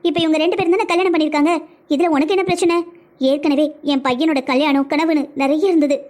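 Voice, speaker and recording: A middle-aged mother defends her son in this cartoon household, voiced by a woman. Her high voice rushes along, reproachful and emotional. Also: darkish tone, close to an everyday voice. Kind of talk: cartoon family drama acting.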